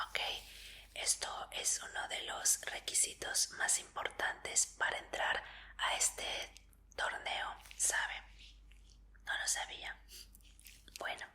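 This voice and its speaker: A woman plays a medical examiner in an ASMR roleplay, whispering breathily in a gentle, polite, reassuring way.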